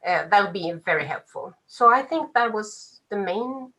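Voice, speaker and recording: A woman's voice: mid-range voice, expressive, normal speed, a bit bright, low-quality recording. Woman, hesitant. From Sweden. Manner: hesitant, with fillers and nervous laughs. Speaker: participant. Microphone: video call.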